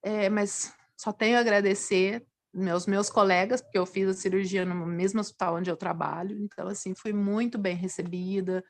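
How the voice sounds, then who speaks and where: A woman with a Brazilian Portuguese accent, a nurse guest earnestly telling her personal story in a TV interview, her voice rising with feeling. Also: normal speed. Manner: earnest, expressive, pitch swinging up with feeling. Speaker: nurse, talk show guest.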